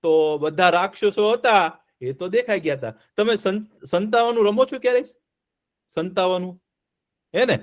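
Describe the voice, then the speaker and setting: A high-pitched man tells a story to a group of children. He keeps stopping to ask them questions and then repeats the answers in a playful, lively way. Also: moderate pace. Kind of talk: interactive storytelling lesson for children.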